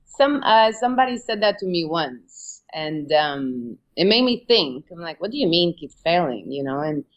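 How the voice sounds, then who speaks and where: A woman in her forties, originally from Romania, speaking as a guest in a podcast interview, relaxed and laughing often between her thoughts. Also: fairly low pitch, measured pace. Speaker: guest photographer.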